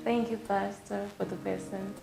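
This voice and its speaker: A woman's voice: medium pitch, level tone, normal speed, gravelly, warm tone, faint music behind. A young woman, a panel guest earnestly explaining her view with some fillers. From Zimbabwe. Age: late teens. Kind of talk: panel discussion. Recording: roomy echo.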